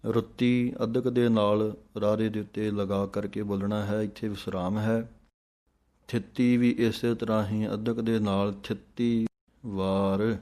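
A man teaching correct recitation of scripture, chanting each line slowly and deliberately, then explaining the pauses in a calm, patient voice. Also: fairly low pitch. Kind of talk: recitation lesson.

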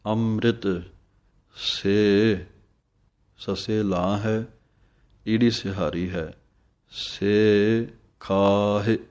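A man teaching scripture pronunciation, reciting verses slowly and deliberately, then explaining each letter and vowel mark. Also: on the low side, steady tone, darkish tone. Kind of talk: pronunciation lesson with slow drawn-out recitation.

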